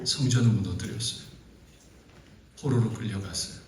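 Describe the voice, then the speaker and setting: A middle-aged pastor with a fairly low voice preaches at a moderate pace to a youth retreat, his emotional storytelling flaring into exasperated outbursts. He's heard from far off in a large, echoey church hall, with a faint hiss or hum.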